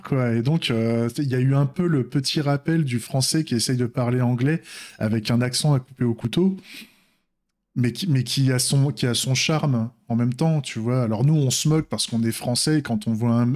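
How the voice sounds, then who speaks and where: A man's voice: medium pitch, normal speed, a little mellow. A man from France chatting casually on a devlog, rambling, with frequent restarts and fillers. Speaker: indie game developer.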